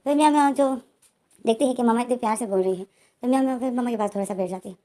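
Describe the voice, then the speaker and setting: A woman's voice: a little high, racing, dark tone. A woman casually retelling a story, rambling along with many linking words and fillers.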